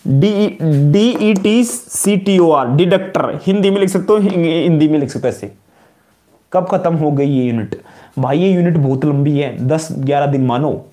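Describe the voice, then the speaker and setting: A man's voice: on the high side, moderate pace, warm tone. A man with a Rajasthani-tinged Hindi accent teaching a college chemistry class, repeating each term and quizzing his students. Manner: repetitive call-and-response questioning, calls students "beta". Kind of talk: classroom lecture.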